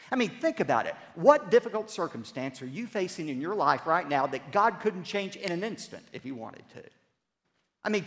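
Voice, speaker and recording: A man preaching a sermon, telling a story dramatically and rising to loud cries, then dropping low. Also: gravelly, long reverb tail. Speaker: pastor.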